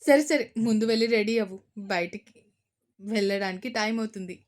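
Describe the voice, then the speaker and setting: A woman voicing a confident young husband who teases his wife with quick, bossy remarks in an audio story. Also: medium pitch, close to an everyday voice. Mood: cheerful. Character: teasing, confident husband, young adult man.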